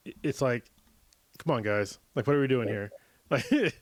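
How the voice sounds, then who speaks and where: A man's voice: medium pitch, normal speed, dry recording, clean studio sound. A man hosting a podcast, rambling casually and laughing often, slightly under the weather. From California. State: getting over being a little sick. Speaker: podcast host. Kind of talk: casual chat.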